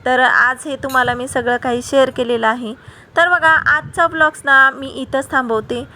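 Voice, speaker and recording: Woman family vlogger, high-pitched and chatty, speaking straight to camera with a crisp, bright tone. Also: steady tone, normal speed. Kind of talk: casual vlog sign-off to viewers.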